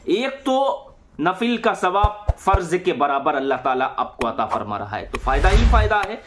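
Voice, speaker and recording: A man, explaining prayer steps to viewers one at a time and talking to them directly. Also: sits high. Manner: lively, explaining step by step, addresses viewers directly. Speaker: religious instructor on a channel.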